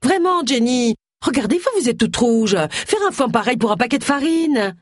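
A woman voicing a pushy, vain, falsely sweet woman in her fifties, in a high put-on voice, in an audiobook. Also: lively intonation, moderate pace, dry recording, studio quality. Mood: sugary.

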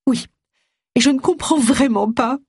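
A woman's voice: medium pitch, quick pace, slightly rough, no echo, studio quality, pitched above the performer's own voice, natural voice. A woman voicing a grieving, elegant woman in her forties in an audiobook, plaintive and tearful.

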